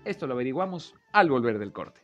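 A man hosts a relaxed talk show. His voice sits at an ordinary middle pitch. He speaks in an animated way and acts out the lines he quotes. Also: fairly quick, highs cut off, faint music behind. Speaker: host. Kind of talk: casual talk show chat.

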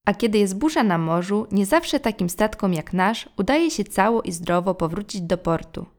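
A woman voicing a worried fishing-boat captain who speaks in gruff, anxious warnings. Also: medium pitch, animated, normal speed, darkish tone, lightly acted.

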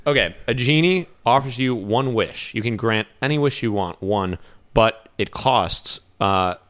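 A man's voice: mid-range voice, lively intonation, a little slow, a bit bright, a little hiss or hum. A man co-hosting a podcast, chatting casually in a rambling, laid-back way full of fillers. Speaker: podcast co-host. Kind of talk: casual chat.

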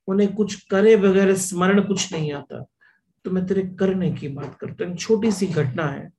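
A man giving a spiritual discourse on scripture, telling a parable. His pace shifts between brisk and slow, and he mixes English words into his speech. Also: a little high, creaky, dark tone, poor audio. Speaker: spiritual teacher.

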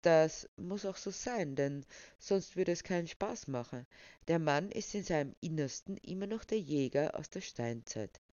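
A reader voicing a pushy, boastful young man with a smug manner, dropping to a lower voice for him. The recording is dull and dry. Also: lively intonation, unhurried, a little mellow, no room sound, lightly acted.

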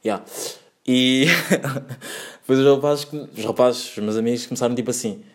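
A man's voice: medium pitch, steady tone, normal speed, darkish tone. A young man with a European Portuguese accent telling a casual storytime, rambling, slang-heavy and full of self-corrections and fillers. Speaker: vlogger.

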